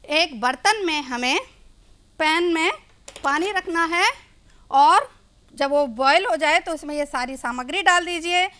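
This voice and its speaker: Woman, teacher, children's lesson, explains words step by step, high-pitched, unhurried. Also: sharp tone. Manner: explains English words in Hindi to children, slow and clear.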